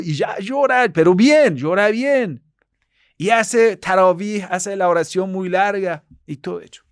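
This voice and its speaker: A Persian-accented man from Iran teaching a religious lesson in storytelling form. He leans on repetition to drive points home, his voice a bit high for a man. The sound is close and dry, with no room around it. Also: unhurried, clean tone, no room sound. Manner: earnest, repetitive emphasis with fillers.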